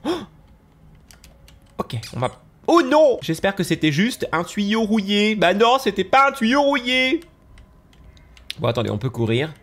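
A young man with a nasal, stuffy voice giving excitable let's-play commentary over a game, gasping and exclaiming as he goes. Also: high-pitched, a little slow, pauses often. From France. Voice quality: nasal from allergies. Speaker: gaming YouTuber.

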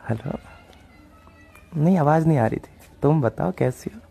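Man playing a husky, evasive young son. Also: a little high, expressive, moderate pace, mellow, exaggerated voice. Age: young adult. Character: evasive young son hiding his girlfriend from his father. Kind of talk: comedy skit acting.

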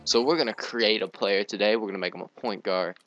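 Deep-voiced young man, casual gaming commentary. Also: fast talker, a bit bright, lo-fi sound. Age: young adult. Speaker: gaming video host. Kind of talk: casual let's play commentary.

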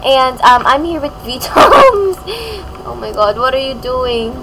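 A woman's voice: sits high, big pitch swings, slow, heavy background noise. A young woman hosting a gaming channel, giving casual, playful gameplay commentary and laughing often.

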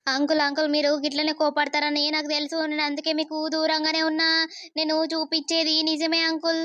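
A woman's voice: sits high, completely flat delivery, quick pace, fairly bright tone, no room sound, muffled recording. A woman voicing a scheming young village man, coaxing the elders and bossing his friend.

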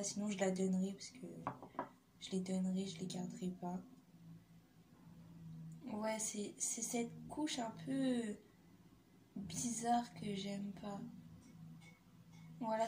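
A woman's voice: mid-range voice, fairly even intonation, unhurried, pauses often, background noise. A young woman casually reviewing nail polish in a vlog, hesitant and full of fillers and repeats. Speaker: beauty vlogger.

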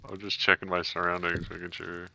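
A man's voice: low-pitched, monotone, fairly quick, gravelly. A young man chatting casually as he plays a co-op game, slangy and repeating short phrases. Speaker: gamer, co-op partner. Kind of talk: casual gaming chat. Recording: loud noise and clicks behind voice.

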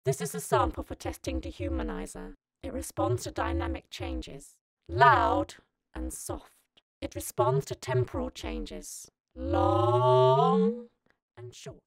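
Reading a scripted test sample in short, deliberate statements, a woman is heard through a robotic vocoder or ring modulator effect. The result is very deep, with wildly swooping pitch and a clean tone.

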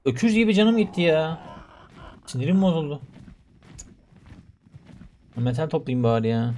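A young man commentating his own gameplay, shouting in exasperation at losses and muttering to himself in quieter stretches. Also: a little high, sing-song, moderate pace, a little hiss or hum. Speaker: gaming YouTuber.

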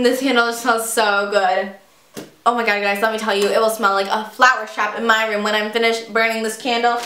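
A woman's voice: a little high, pushed and bright. Bubbly young woman in echoey room. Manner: chatty, bubbly, self-teasing asides. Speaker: vlogger. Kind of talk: casual haul video chat.

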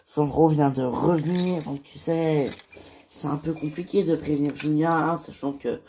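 A man voicing a calm, patient man in an amateur toy-figure drama, speaking hesitantly with many fillers. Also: on the high side, moderate pace, slight background noise, close to an everyday voice. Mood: reassuring. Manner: hesitant, filler-heavy delivery. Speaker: fan toy-figure series voice actor. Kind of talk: amateur home-made drama acting.

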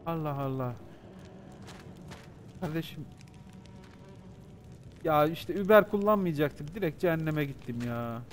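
A man with a high voice that swings widely up and down as he streams a horror game. He riffs, curses freely and talks straight to his chat. A faint hiss sits under the voice. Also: measured pace, long pauses. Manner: excitable, joking, swears freely, talks to chat. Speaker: gaming streamer. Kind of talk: live gameplay commentary.

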